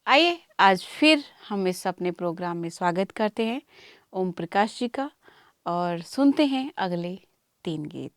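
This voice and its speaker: A woman hosting a studio music show, speaking in a calm, measured way and laughing softly now and then. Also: medium pitch, dry recording. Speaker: show host and anchor.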